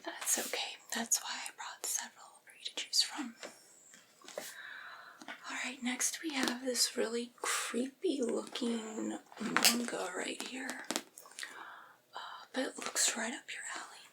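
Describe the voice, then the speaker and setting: A woman whispers an ASMR roleplay as a vampire's devoted, patient familiar, soft and breathy, coaxing, chatty and gently teasing. Her voice is a little high, steady in tone, slow and creaky, and the recording is rough.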